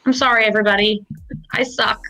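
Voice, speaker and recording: Bright, playful female podcast co-host. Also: mid-range voice, fairly even intonation, fast, rough recording. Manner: apologetic, playful. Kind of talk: casual chat. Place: podcast studio.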